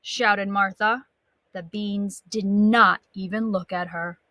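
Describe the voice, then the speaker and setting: A woman with a mid-range voice, recorded without echo, reads a picture book aloud to young children as their teacher. She performs it expressively, with dramatic gasps and drawn-out emphatic words, and pauses to ask her listeners questions.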